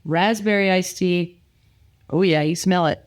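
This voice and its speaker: A woman's voice: fairly low pitch, measured pace. A woman from the southeastern United States chatting casually as a guest taster, playful, folksy and blunt. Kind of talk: casual chat.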